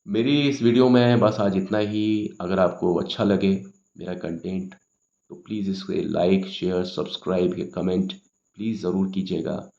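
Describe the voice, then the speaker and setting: A man with a very low, gravelly voice works slowly through a grammar lesson, repeating each point and checking that the listener follows. The sound is dull and lo-fi, with a noticeable room echo. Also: steady tone, warm tone. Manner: patient, repetitive explaining with frequent "ठीक है" check-ins. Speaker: English teacher.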